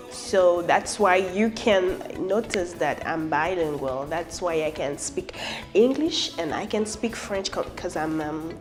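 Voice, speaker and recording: A Cameroonian woman in her thirties talks about herself as a musician, chatty and playful, and drifts easily between French and English. Her voice sits at a middle pitch. Soft music plays faintly behind her. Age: 30s. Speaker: musician interviewee. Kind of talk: self-introduction interview.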